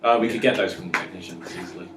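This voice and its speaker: A man's voice: low-pitched, very fast. A young man in his late teens in a student meeting, chiming in with short, agreeable remarks. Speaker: student in a group planning meeting. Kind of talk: casual group discussion. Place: school classroom. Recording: distant, echoey room with clear noise.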